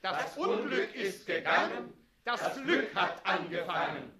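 An actor among a group of townsfolk in a radio play, chanting praise with forced, rote enthusiasm. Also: male voice, high-pitched, sing-song, slow, full character voice. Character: chanting male townsfolk hailing their ruler. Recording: echoey room full of crowd voices.

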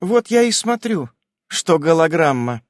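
A man's voice: extremely high pitch, animated, measured pace, dry recording, voice pushed up. A man voicing a stern wife who speaks in a strict tone. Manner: strict, pointed.

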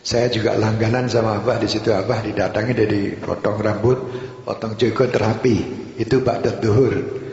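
A man tells a story during a sermon in a gravelly voice. His tone stays flat and even, with small hesitations. Long hall reverb and slightly dull sound. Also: lowish voice, moderate pace. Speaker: preacher.

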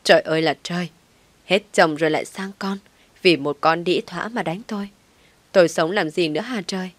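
A woman voicing a shrill, scolding older mother-in-law who screams insults in an audiobook story. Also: brisk, no echo, close to an everyday voice. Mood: furious shrieking.

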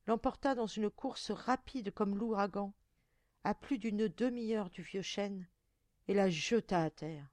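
A woman reads a folk tale aloud in a measured, expressive way, at a middle pitch. The recording is dry and close, with no room sound. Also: no echo. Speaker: audiobook reader. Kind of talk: scripted narration of a folk tale.

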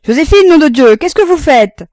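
A woman reading an audiobook voices a blustering old father who bellows with gruff impatience. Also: mid-range voice, expressive, fairly quick, dark tone, no room sound, clean studio sound, natural voice. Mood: shouting.

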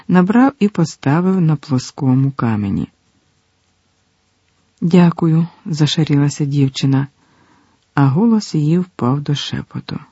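A man reading a novel aloud in a measured, dramatic narration. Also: mid-range voice, warm tone, slightly rough, no room sound. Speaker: audiobook reader. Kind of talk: scripted narration. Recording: dull lo-fi, dry.

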